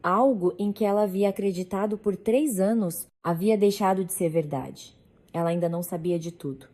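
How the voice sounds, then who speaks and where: A woman reading a dramatic story aloud in a calm, measured narration. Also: mid-range voice.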